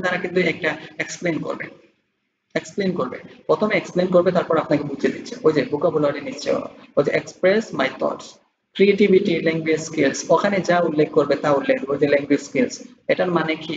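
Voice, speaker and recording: A young man, tutoring in a casual walkthrough. He explains loosely with many restarts and slowly reads out English example answers. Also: on the high side, steady tone. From Bangladesh. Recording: dull lo-fi audio with clear background noise.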